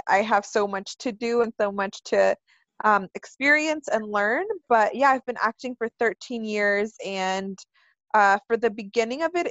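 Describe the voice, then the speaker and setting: A woman's voice: medium pitch, no echo. Chatty woman in her twenties, dull dry sound. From California. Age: 20s. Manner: chatty and earnest, long flowing answers. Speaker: guest actress. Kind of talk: casual interview answers.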